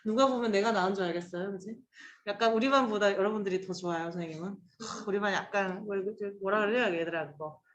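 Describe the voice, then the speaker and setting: A woman's voice: medium pitch, quick pace, reverberant, a little hiss or hum. A woman teacher giving a casual Chinese pronunciation lesson, chatty and coaxing, drilling sounds aloud with her students.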